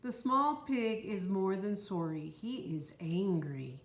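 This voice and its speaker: A woman reading a children's picture book aloud in a slow, even, clear storytelling manner. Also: medium pitch. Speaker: storybook reader. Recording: roomy echo, faint noise.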